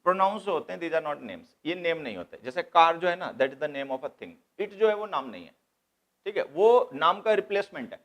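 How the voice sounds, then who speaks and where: A man teaching grammar in a slightly high voice. He breaks each rule down patiently and circles back to the main points. He lectures in the tone of a classroom. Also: animated, normal speed, a bit bright. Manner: explains step by step, repeats key points, mixes English terms into Hindi.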